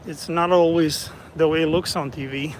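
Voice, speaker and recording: A man from Romania casually narrating a walking tour of city streets as an independent reporter, chatty and relaxed. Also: fairly high pitch, normal speed. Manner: relaxed, chatty, remarks on passersby. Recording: outdoor street noise behind.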